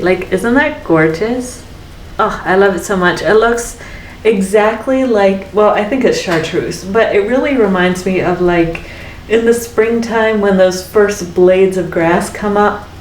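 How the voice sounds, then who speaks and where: This artist and channel host has a medium-pitched voice, picked up by a distant mic in an echoey room with a bit of hiss or hum. Mixing paint in her studio for her vlog, she muses casually, leaning on fillers and small tag questions.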